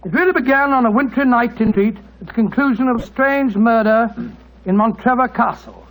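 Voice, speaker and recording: An actor playing a genial elderly English doctor with a British accent, reminiscing in an avuncular, courteous way in an old radio drama. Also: male voice, very high voice, fairly quick, fairly bright tone, poor audio. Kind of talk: 1940s radio drama acting. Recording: vintage 1940s radio recording.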